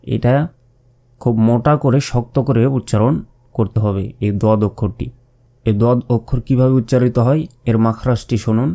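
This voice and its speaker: A man's voice: medium pitch, steady tone, moderate pace, warm tone. A man teaching how to pronounce Arabic letters, drawing each sound out and repeating it with patient explanations. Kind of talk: slow step-by-step pronunciation lesson.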